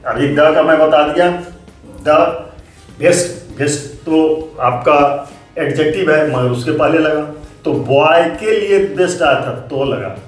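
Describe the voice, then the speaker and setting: A man teaching grammar as a lesson, explaining slowly and deliberately. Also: on the high side. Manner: slow, deliberate explaining with drawn-out words. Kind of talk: classroom lesson. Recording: very echoey room, voice from far off, faint music.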